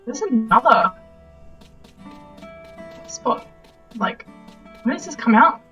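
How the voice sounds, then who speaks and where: A young woman co-hosting a let's-play, rambling relaxed and full of "like" as she explores the game. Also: a little high, takes it slowly, far from the mic, muffled recording, faint music behind. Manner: relaxed, rambling, uses "like" a lot. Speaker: co-host playing a game. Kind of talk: casual let's-play chat.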